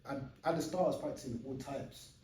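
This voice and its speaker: A man's voice: mid-range voice, fast, mellow, a little hiss or hum. A young man hosting a casual podcast chat, talking eagerly and at length with lots of fillers. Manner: chatty, eager, explains at length with many fillers. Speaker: podcast host. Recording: roomy sound from a distant mic.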